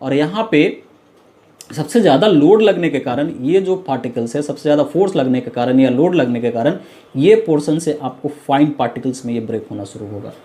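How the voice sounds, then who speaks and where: A man's voice: fairly high pitch, animated, fairly quick, warm tone. A man teaching an engineering class, explaining step by step, asking questions and answering them himself. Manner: explains step by step, repeats key terms, asks and answers his own questions; mixes English technical phrases into his talk. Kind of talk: classroom lecture.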